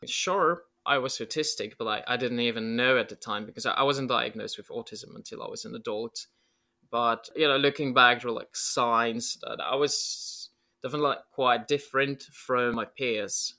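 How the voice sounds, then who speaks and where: A Polish man, whose first language is Polish, is an interview guest talking casually and reflectively. His mid-range voice has a sharp tone and moderate pace, and he rambles with lots of filler words, especially "like."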